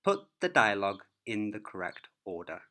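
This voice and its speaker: A man teaching a beginner English lesson, speaking each word clearly and deliberately. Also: on the low side, very animated, bright, forceful tone. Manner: clear, careful word-by-word delivery.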